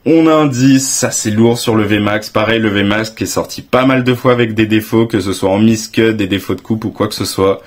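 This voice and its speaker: A young man with a French accent, giving casual, excitable commentary as he reveals graded trading cards, exclaiming often with slang. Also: lowish voice, a little fast, hardly any pauses. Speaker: card collecting YouTuber.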